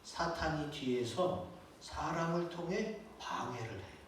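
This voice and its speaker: A man's voice: on the high side, lively intonation, a little slow, a bit bright, slight background noise. A man preaching a sermon as a pastor, speaking conversationally and asking his congregation rhetorical questions. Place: church sanctuary. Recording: echoey church hall, mic at a distance.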